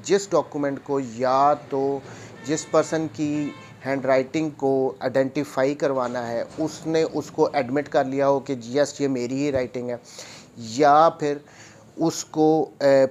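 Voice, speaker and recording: A law lecturer and advocate with a Pakistani accent reads out a statute and then explains it, repeating and rephrasing his points as he switches between Urdu and English. His voice is mid-range with a darkish tone.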